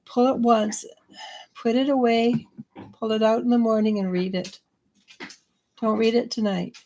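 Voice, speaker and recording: Slow gravelly woman doing live tarot readings, chatty. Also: fairly high pitch, fairly even intonation, darkish tone, slight background noise. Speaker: psychic reader.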